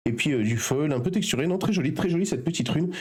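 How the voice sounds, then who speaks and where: A man's voice: on the high side, expressive, fast talker, darkish tone. A man hosting a pack-opening show, chatting casually with many fillers as he shows each card. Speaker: host.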